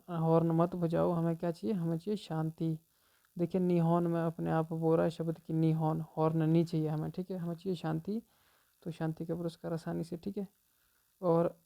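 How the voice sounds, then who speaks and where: In a chatty, informal session, a man walks exam students through memory tricks, saying "theek hai" almost every phrase. The tone is gravelly and dark, the pitch a little high, and his delivery runs along a flat, even line with little variation.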